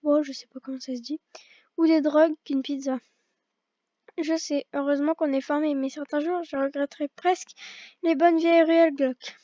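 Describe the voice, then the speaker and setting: Young woman, high voice, reading game dialogue, stumbles and restarts, dry dull headset sound. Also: fairly even intonation, normal speed, dark tone, no room sound. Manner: stumbling over words, restarting lines. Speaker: fan reader voicing a visual novel. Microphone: old gaming headset. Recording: dull lo-fi gaming headset mic.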